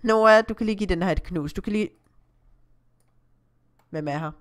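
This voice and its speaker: Her voice mid-range, a woman with a Danish accent talks casually through her gameplay as a Let's Play host. Reading on-screen text aloud, she lets out frequent exclamations.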